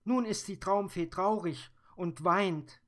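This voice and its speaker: A man voicing a bold, cheeky little girl in a high, lively storybook voice. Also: slow pace.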